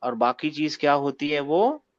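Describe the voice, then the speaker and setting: Male online teacher, slightly high, keeps asking the class for confirmation, lo-fi call sound. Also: expressive, normal speed. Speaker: Arabic teacher. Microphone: video call. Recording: muffled lo-fi call audio.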